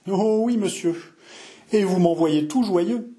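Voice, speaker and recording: A man's voice: high-pitched, slow, warm tone, voice pushed up. A man voicing a cheerful, simple young inn servant.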